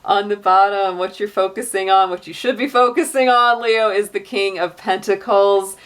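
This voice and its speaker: A woman's voice: medium pitch, steady tone, normal speed, a bit bright, clean tone. A middle-aged woman giving a casual tarot reading, chatty, with frequent laughs and many "you know" and "like" fillers. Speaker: tarot reader.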